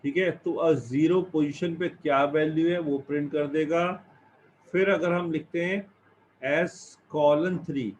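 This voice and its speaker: A male computer science teacher gives a classroom lesson to students, explaining every step and posing questions he then answers himself. His voice is fairly high with fairly even intonation, a little slow and darkish in tone. The recording is dull and lo-fi, with faint background noise.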